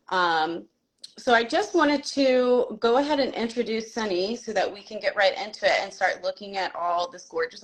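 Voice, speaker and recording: Young woman hosting a live video call chat, friendly, says um a lot. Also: medium pitch. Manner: friendly, filler-heavy, hesitant. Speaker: host. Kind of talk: live stream interview hosting.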